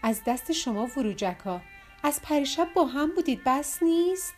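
A woman's voice: high voice, expressive, faint music behind, pitched above the performer's own voice. A woman voicing a chatty adult woman friend who teases and jokes. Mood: teasing. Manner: teasing, quick-witted chatter.

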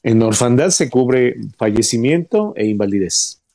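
A man's voice: medium pitch, expressive, a little slow. A man co-hosting an insurance talk show, speaking in a courteous, effusive way in casual chat. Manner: warm, courteous, a bit effusive. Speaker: insurance expert co-host.

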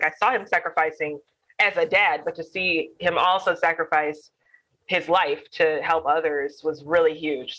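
Bright-voiced woman poet from Alabama. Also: deep voice, rough recording. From Alabama, USA. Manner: earnest, reflective, with frequent ums. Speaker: guest poet. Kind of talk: casual interview answers.

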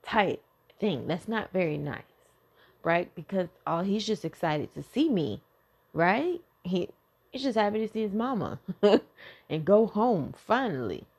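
A woman's voice: mid-range voice, lively intonation, a little slow, darkish tone, breathy edge. A woman and mother talking candidly and bluntly about her childhood and parenting, swearing freely in a conversational way. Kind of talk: candid personal talk on self-healing.

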